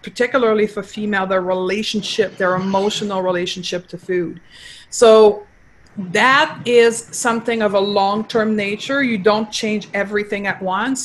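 A woman's voice: medium pitch, slight background noise, poor audio. A woman from Quebec with a Quebec French accent, a native French speaker, talking as a nutritionist guest in an earnest, explaining way. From Quebec, Canada. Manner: earnest, explaining, frequent restarts. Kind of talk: casual interview talk.

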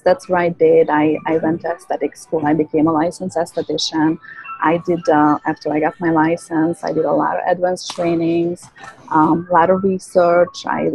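A woman's voice: lowish voice, darkish tone, breathy edge, poor audio. A woman in her thirties with a Hungarian accent, a native Hungarian speaker, explaining earnestly and at length as a guest in a podcast interview, with frequent fillers. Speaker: guest, licensed esthetician.

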